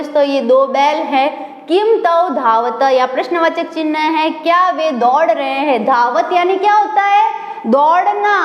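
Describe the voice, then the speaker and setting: A high-voiced woman teaches Sanskrit slowly in a recorded online school lesson. Patient, she repeats words at an easy pace and asks the class questions, with the room audibly echoey.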